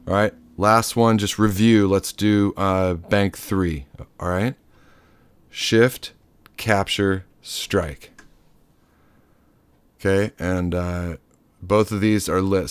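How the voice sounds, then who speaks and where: Low, unhurried man demoing a synth. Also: steady tone, clear, resonant tone, no room sound. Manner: loose, chatty, swears offhandedly. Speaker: synth module demonstrator. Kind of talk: casual hands-on tutorial.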